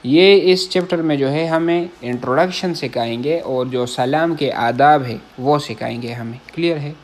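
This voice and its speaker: Man, language teacher, slightly high voice, repeats and explains each word, checks in often. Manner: reads each word aloud, repeats it, then glosses it in Urdu; keeps checking in with listeners. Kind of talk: casual classroom-style lesson.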